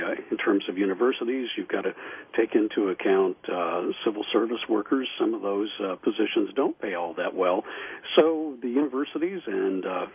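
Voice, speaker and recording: A man with a lowish, slightly husky voice gives interview commentary over a thin phone line. He explains things in a halting, measured way, as a radio guest. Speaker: radio guest, statehouse show host. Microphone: telephone call. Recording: tinny, muffled phone line.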